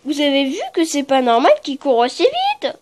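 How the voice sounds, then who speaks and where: High-voiced woman narrating a game. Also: wildly swooping pitch, moderate pace, a little mellow. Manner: muttering low, then bursting into startled shrieks and swearing; chatty with viewers, talks to the game creatures. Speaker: let's play gamer. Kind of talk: casual game commentary.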